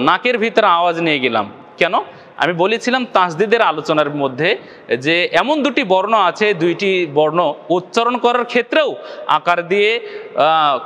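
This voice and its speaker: A man's voice: high voice, a bit bright, long reverb tail. A man with a Bangladeshi Bengali accent teaching Quran recitation in a video lesson, patiently repeating each point and checking that viewers follow.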